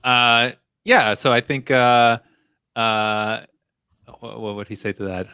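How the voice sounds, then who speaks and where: A man with a bright, forward voice at middle pitch talks as a player in a tabletop game. He is informal and joking, and sounds close and dry. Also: fairly even intonation, slow pace, smooth, no room sound. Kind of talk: casual game chat.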